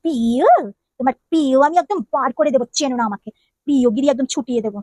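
Woman doing a jealous wife in a comedy sketch, nags and grills nonstop, super quick, dry mic. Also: sits high, a little mellow, no room sound. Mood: scolding. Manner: scolding, interrogating with rapid questions. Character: jealous, nagging, suspicious young wife. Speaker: suspicious wife in comedy skit. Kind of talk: comedy skit acting.

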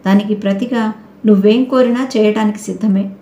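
Woman doing an earnest young husband for a storybook, persuasive, mellow tone, echoey room, barely a put-on voice. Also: medium pitch, steady tone, fairly quick, lo-fi sound, close to an everyday voice. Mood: pleading. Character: young husband, pleading and placating. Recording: roomy echoey recording.

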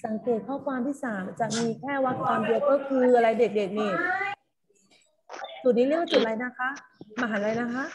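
A woman's voice: fairly high pitch, fairly quick, heavy background noise. A woman teaching a primary class online, coaxing pupils to read along. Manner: coaxing, calls pupils "ลูก" and leads choral reading.

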